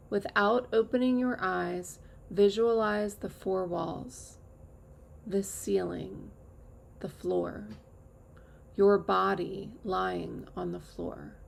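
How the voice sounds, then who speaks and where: A woman teacher leading a guided meditation with calm, measured instructions and long pauses. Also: mid-range voice, vocal fry. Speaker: yoga nidra teacher.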